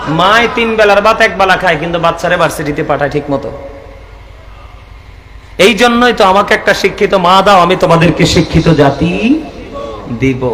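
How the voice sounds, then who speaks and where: Impassioned high-voiced male preacher, echoey hall. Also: bright, forceful tone. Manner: calls out to the audience for responses; rhythmic, impassioned preaching with regional dialect asides. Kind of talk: Islamic sermon to a crowd.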